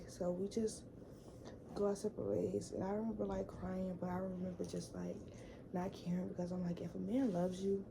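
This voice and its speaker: Young woman vlogger, kinda gravelly, rambling storytime w lots of likes. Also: on the low side, background noise. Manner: chatty, lots of fillers and repeats. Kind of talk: casual storytime.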